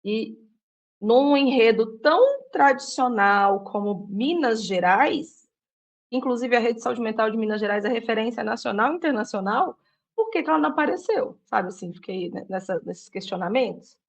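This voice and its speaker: A woman's voice: on the high side, animated, moderate pace, vocal fry. A woman who works in public mental health care, talking in a reflective, questioning way with many small fillers, in a casual panel discussion.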